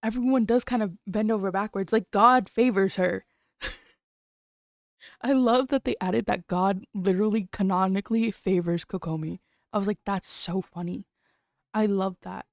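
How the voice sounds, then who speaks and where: A woman's voice: medium pitch, moderate pace, no room sound, clean studio sound. A young woman chatting casually on a late-night stream, giggly and rambling, often trailing off and restarting.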